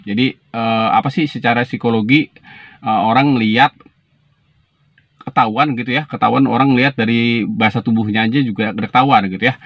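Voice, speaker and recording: A man from Indonesia talks through a sales lesson for trainees, rambling and restarting with plenty of fillers. His voice sits at an ordinary middle pitch. The recording is slightly dull and dry, close to the mic. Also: brisk, pauses often, no room sound. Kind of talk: casual spoken lesson to camera.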